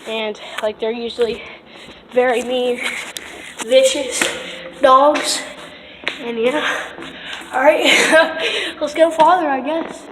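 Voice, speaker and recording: A young woman speaking in a nervous, excitable, slangy way while vlogging a night tunnel exploration. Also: high voice, takes it slowly, long pauses. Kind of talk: casual night exploration vlog. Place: inside an underground tunnel at night. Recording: echoey tunnel, noisy, distant from mic.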